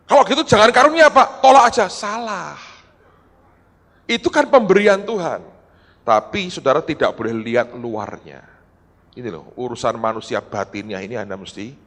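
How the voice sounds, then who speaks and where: A middle-aged man giving a storytelling sermon as a pastor, talking straight to his congregation. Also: medium pitch. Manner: storytelling, animated, acts out quoted dialogue; addresses congregation as "saudara". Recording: long hall reverb.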